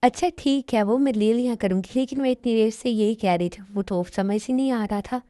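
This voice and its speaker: A woman's voice: fairly high pitch, a little fast, mellow, dry recording, studio quality, natural voice. A woman voicing a sulky young wife in an amateur Hindi dubbed drama, speaking in a complaining, reproachful way.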